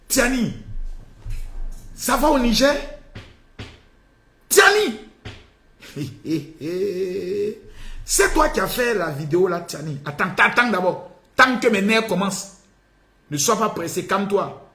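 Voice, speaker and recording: A man hosting a live stream, mocking and scolding loudly and often shouting. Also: sits high, big pitch swings, takes it slowly, long pauses. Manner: loud taunting mock-scolding, often shouting. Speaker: livestream host. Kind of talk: mocking satirical live commentary. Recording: echoey room with faint noise.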